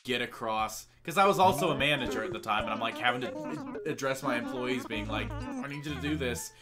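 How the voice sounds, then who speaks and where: Loud music plays behind a young man chatting casually as he streams a game. He talks around a tongue piercing, at a middling pitch. He rambles in a self-deprecating way and often trips over his words. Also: brisk. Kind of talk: casual chat while playing a game.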